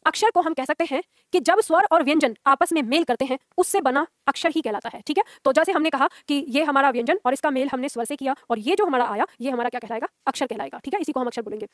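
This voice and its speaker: Brisk high-voiced woman teaching grammar. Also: no room sound, clean studio sound. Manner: explains step by step, asks students checking questions. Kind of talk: classroom lecture.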